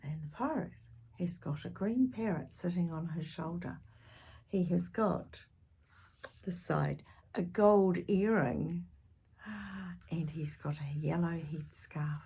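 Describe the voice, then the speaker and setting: Reading a picture book at a children's storytime, a woman animates the story with gasping, hushed, wondering asides to her young listeners. Her fairly low voice is slow, creaky and breathy-edged, with long pauses.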